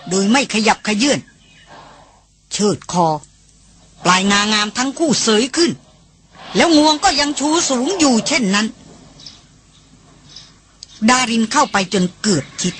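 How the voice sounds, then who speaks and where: A woman reading an adventure novel aloud as an audiobook in a steady, measured storytelling voice. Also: on the high side, a little hiss or hum. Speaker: audiobook reader. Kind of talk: scripted narration.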